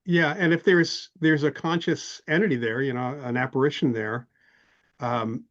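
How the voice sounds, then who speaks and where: A male interview host with a voice of middling pitch, heard through dull, lo-fi remote audio. He speaks in a measured, anecdotal way and builds up to his questions slowly. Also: steady tone, fairly bright tone. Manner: measured, anecdotal, asks long lead-in questions.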